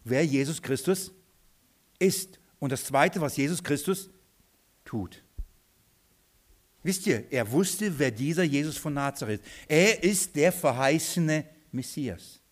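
A man's voice: lively intonation, slow. Emphatic man preaching a sermon. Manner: asks the listeners questions, swings between soft low asides and loud high emphatic lines.

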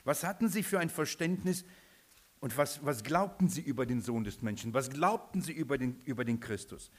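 A man's voice: medium pitch, expressive, normal speed. A man preaching a sermon, emphatic, repeating his points and asking the listeners questions.

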